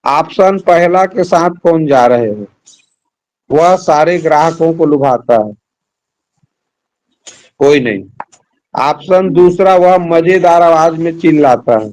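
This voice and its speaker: Slow, patient male Hindi teacher. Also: fairly high pitch, lively intonation, darkish tone, poor audio. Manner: slow, patient, explains options one by one. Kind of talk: classroom lesson over a call.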